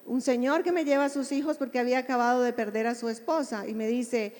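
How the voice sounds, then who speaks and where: Expressive woman lecturing in a reverberant hall. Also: fairly high pitch, quick pace. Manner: expressive, checks in with the audience through rhetorical questions. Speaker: psychologist giving a talk. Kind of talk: public lecture on grief.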